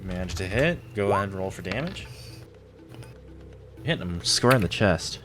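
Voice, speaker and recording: Lowish-voiced male game master. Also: normal speed. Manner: excitable, gasps at big rolls. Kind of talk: narrating a tabletop game. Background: background music.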